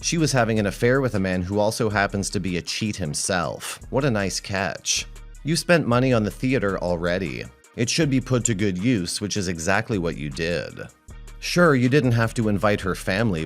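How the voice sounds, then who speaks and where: Low-pitched male story narrator over music. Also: big pitch swings, moderate pace. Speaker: narrator reading online relationship stories and commenting. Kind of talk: scripted narration of first-person stories.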